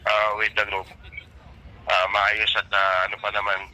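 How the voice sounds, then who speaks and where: A man speaking over a two-way radio, answering a radio check with polite, brisk radio procedure and signing off each turn. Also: fairly low pitch, monotone, bright, forceful tone, poor audio. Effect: voice heard through a two-way push-to-talk radio. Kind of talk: radio procedure talk, ending turns with "over".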